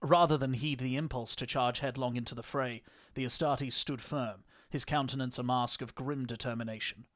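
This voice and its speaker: Man, audiobook narration, dry, measured, grandiose, middle pitch. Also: fairly even intonation, a bit bright, no room sound. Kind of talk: fan fiction audiobook reading.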